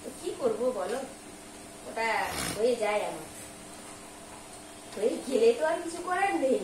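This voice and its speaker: Middle-aged woman, hurried rambling vlog chat, recorded off-mic in a noisy, echoey kitchen. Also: fairly high pitch, sing-song. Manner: chatty and rambling, admits she talks hurriedly and mixes up words. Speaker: vlogger. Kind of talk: casual home cooking vlog chat. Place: home kitchen, cooking on a gas stove. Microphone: camera held by her husband at some distance. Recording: roomy, distant and noisy home recording.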